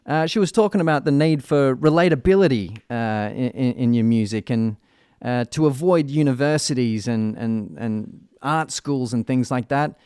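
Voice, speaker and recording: A man hosting a casual music interview, with halting, meandering phrasing and jokey, mock-grand wording. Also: mid-range voice, darkish tone, clear, resonant tone, no room sound, clean studio sound. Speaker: radio show host.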